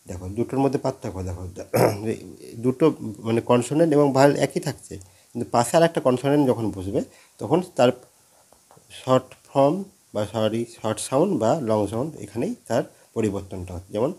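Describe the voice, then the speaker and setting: A man's voice: medium pitch, a little mellow, breathy edge. A man teaching pronunciation, spelling words out letter by letter and checking with the listener often. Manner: explains patiently, spelling words out letter by letter, with frequent check-ins. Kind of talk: lesson.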